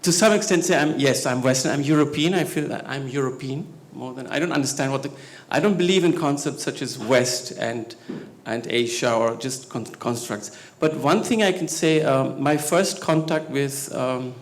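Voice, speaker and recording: A man from Spain talks as a scholar on a discussion panel. He hedges and fills his sentences with hesitations, then grows more animated. His voice sits at an ordinary middle pitch. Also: normal speed, few pauses. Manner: hesitant with many fillers, growing animated. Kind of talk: conversational talk on stage. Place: talk venue stage.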